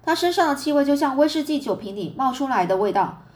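A woman voicing a young girl who tattles on her brother, shouting loud, high and indignant. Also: lively intonation, fast. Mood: shrill tattling.

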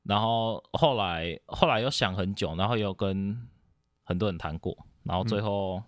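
Young guy from taiwan, lowish voice, dry close sound, keeps restarting his sentences. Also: normal speed, no echo. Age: young adult. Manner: hesitant, many restarts and fillers, soft laughs. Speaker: podcast guest. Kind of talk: casual chat.

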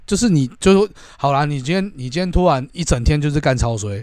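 A man's voice: on the high side, lively intonation, fast talker, a little mellow, no room sound, clean studio sound. A young man, telling a story in a casual chat and swearing often as he goes. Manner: swears casually, lots of filler agreement. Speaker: podcast co-host.

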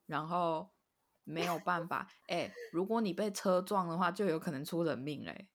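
A woman's voice: fairly low pitch, normal speed. A woman co-hosting a casual chat, mostly reacting to her partner with short interjections and laughs. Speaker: podcast co-host.

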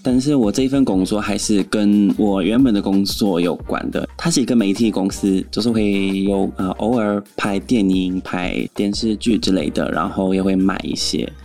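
Low-voiced North American man speaking Mandarin as a foreigner. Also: normal speed, hardly any pauses, darkish tone, faint music behind. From Canada. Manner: frank, opinionated. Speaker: interview guest, actor and office worker in marketing. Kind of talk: casual interview chat.

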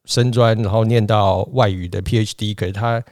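A man in his forties chatting as a guest, relaxed and talkative, often laughing and restarting his sentences. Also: on the low side, normal speed, no echo, studio quality. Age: 40s. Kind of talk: casual chat.

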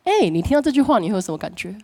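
A middle-aged woman pastor preaching a sermon, telling stories with lively acted-out voices and frequent laughter. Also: mid-range voice, very fast. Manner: animated storytelling, acts out quoted voices, laughs often.

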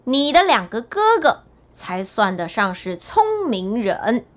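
A stern father from a bedtime story, scolding and dismissive, as a woman reads him. He sounds bright and clear and speaks slowly. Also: a little high, big pitch swings, exaggerated voice. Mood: scornful. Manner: scornful, dismissive.

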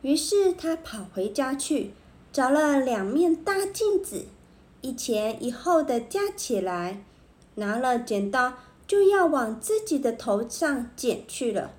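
High-voiced woman reading a children's story. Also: slow pace, reverberant. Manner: expressive, animated.

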